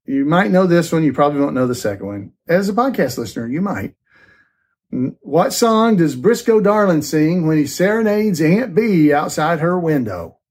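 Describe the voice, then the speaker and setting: A man hosts his podcast in a loose, chatty way, reading out each trivia question twice and laughing along. His voice sits a little high for a man. The tone stays easygoing and friendly. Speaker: podcast host. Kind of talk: casual podcast chat. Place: on a cruise ship.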